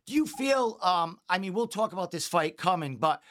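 Rambling high-voiced podcast host. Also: male voice, expressive, a bit bright. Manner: rambling, halting questions. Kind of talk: casual interview.

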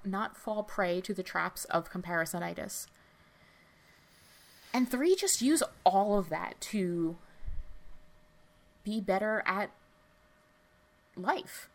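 Slow and prone to frequent pauses, this woman speaks in a mid-range voice while co-hosting a podcast. The conversation is casual and chatty, and she rambles with lots of filler like "like" and "you know."

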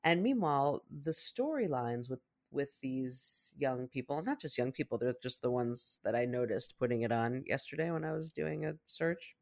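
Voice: mid-range voice, expressive, moderate pace, gravelly, few pauses, darkish tone. A podcast co-host who works as a therapist, reflecting and explaining in a casual chat. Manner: reflective, explaining, thinks aloud.

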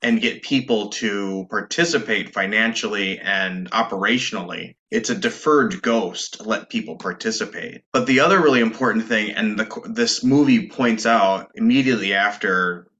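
Bright, low-pitched man explaining casually. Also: moderate pace, few pauses, lo-fi sound. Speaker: podcast co-host.

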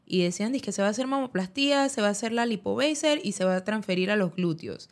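In an interview, a female guest tells a personal story at a quick pace, her medium-pitched voice full of lively intonation. She acts out the dialogue she quotes and leans on fillers such as "dizque."

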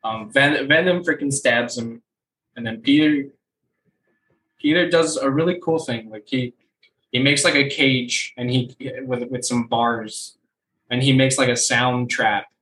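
A man's voice: medium pitch, measured pace, fairly bright tone, reverberant, poor audio. A young man co-hosting a casual movie chat, rambling and opinionated with lots of fillers. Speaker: podcast co-host.

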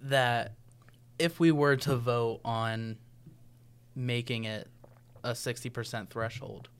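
A young man, a college student co-hosting a podcast, relaxed and joking as he thinks aloud. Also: mid-range voice, slow, clear, resonant tone. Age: young adult. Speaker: podcast co-host. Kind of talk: casual political chat.

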